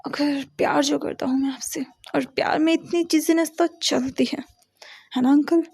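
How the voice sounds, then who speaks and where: A woman's voice: sits high, steady tone, normal speed, creaky, darkish tone, no echo, studio quality. A woman voicing a clingy, teasing, possessive young male lover in a read-aloud story, in a playful coaxing way.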